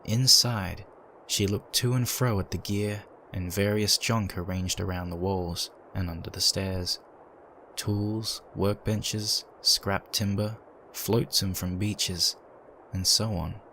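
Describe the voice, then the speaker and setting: A man narrates a scripted story in the style of a dramatic audiobook, his voice sitting low and his pace slow. The audio is poor, with steady ambient noise behind him.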